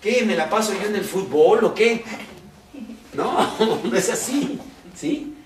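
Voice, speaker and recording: A man preaches in a lively, conversational way, tossing in rhetorical questions. His voice sits fairly high and moves over a wide range. He sounds set back from the mic in an echoey room, with faint ambience behind. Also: slow pace, noisy background. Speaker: pastor. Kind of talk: sermon. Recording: roomy, distant mic.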